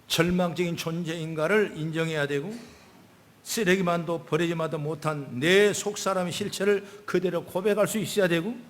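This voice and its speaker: An older man preaches a sermon, his voice pitched high for a man. He moves between loud, emphatic calls and soft, low asides. The sound rings with the long reverb of a church hall. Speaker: pastor. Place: church sanctuary.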